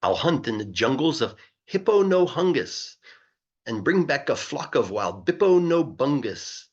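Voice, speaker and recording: A man, an English teacher, gives an unhurried, expressive reading of a rhyming children's book, playful and full of emphasis. His voice is mid-pitched with a rough, husky grain and very animated melody, captured on a somewhat dull recording.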